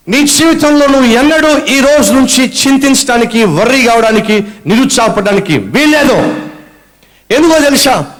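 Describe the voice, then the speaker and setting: High, lively-voiced male preacher. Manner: asks the audience questions and answers them himself; mixes English phrases into his preaching. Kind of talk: sermon.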